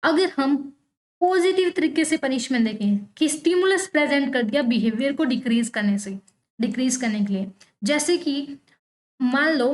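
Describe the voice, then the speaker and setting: A woman teaching an online exam-prep lecture, reading English lines out slowly and then explaining them, asking questions and answering them herself. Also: high voice, expressive. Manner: peppers explanations with checking tags like "theek hai".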